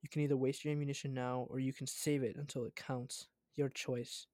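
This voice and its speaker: A man reading the lines of a calm, steady young woman fighter in a storybook. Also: medium pitch, fairly quick, no room sound, studio quality, close to an everyday voice.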